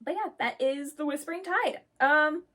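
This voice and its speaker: A storytelling vlogger excitedly describes characters of her own invention to viewers, speaking casually in a bright, high voice. Her pauses fill with lots of "um"s as she gushes on.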